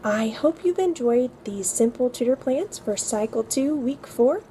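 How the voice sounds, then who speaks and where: Chatty woman tutor with a mellow voice. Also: fairly high pitch, lively intonation, unhurried, a little hiss or hum, poor audio. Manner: chatty, upbeat, many ums. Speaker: homeschool co-op tutor. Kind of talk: casual lesson-plan walkthrough.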